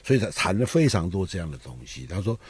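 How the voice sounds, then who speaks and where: A man's voice: low-pitched, sing-song, quick pace, breathy edge, no echo. An older man, a guest writer, talking in a musing, discursive way through a reflective conversation. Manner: musing, discursive, with rising and falling emphasis.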